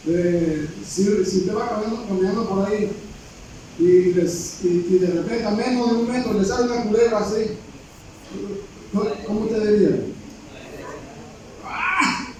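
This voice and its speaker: A man preaches in a high, soft-toned voice. He repeats words as he gropes for them and often turns questions to his congregation. The sound is very reverberant and distant, with a faint hiss behind it. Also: normal speed. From Panama. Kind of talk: sermon. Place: church sanctuary. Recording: very echoey church from a distant mic, faint noise.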